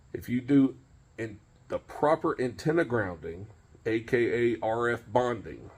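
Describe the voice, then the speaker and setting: This CB radio tips host, a man in his forties, talks in a medium-pitched, slightly mellow voice. He demonstrates informally and plainly in a home driveway by a pickup truck, going back over key points for emphasis.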